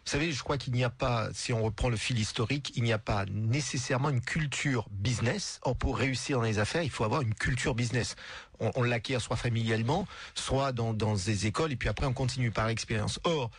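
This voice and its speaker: A man from the French overseas regions, a lawyer, explaining his view in a measured way as a guest on a radio show. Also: medium pitch, breathy edge, no room sound. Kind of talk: radio interview.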